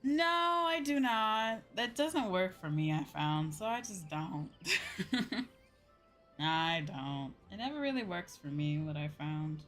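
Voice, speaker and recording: This woman's fairly low, fairly bright voice moves at a slow pace with lively intonation. She's hosting a live gaming stream, chatting casually and expressively and rambling with viewers over background music.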